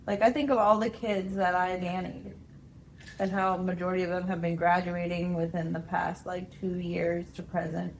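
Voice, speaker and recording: A woman's voice: fairly low pitch, level tone, normal speed, darkish tone, low-quality recording. Woman, twenties, podcast co-host, casual chat, playful, laughs easily, faint background noise. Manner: playful, laughs often, explains patiently.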